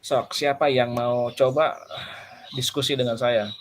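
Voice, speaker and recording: A man's voice: mid-range voice, fairly even intonation, a little slow. A male lecturer giving a casual, conversational lecture to his students. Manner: conversational, addresses students as friends.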